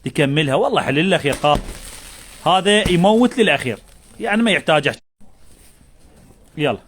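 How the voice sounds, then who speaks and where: A man with an Iraqi Arabic accent pitching goods on a live sales stream, full of effusive greetings and repetitive patter. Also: lively intonation, fast, a little hiss or hum. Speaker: live-stream seller of bale goods and home textiles.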